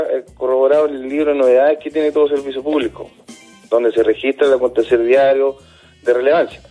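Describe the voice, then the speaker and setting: Earnest man, husky mellow voice. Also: on the high side. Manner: earnest, halting, repeats words. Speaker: dismissed youth care worker, interviewee. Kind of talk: radio interview answers.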